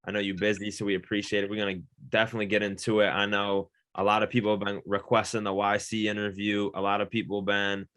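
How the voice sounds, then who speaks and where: A man hosts a producer interview show, chatting casually with hype and plenty of affirming thanks to his guest. His voice is on the low side and fairly bright, delivered completely flat, fast and with few pauses.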